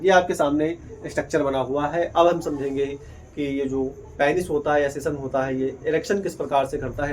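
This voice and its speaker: Male biology teacher, higher voice, patient step-by-step explainer, faint insect noise behind. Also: a little mellow, poor audio. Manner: explains step by step, asks and answers his own questions. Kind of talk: whiteboard lesson.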